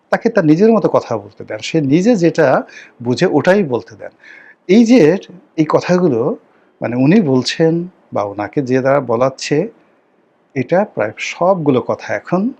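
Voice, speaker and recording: A man's voice: a little high, sing-song, measured pace, long pauses, a little mellow, highs cut off. Emphatic man giving political commentary. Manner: emphatic, rhetorical questions, mixes English phrases. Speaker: talk show guest. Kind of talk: political talk show commentary.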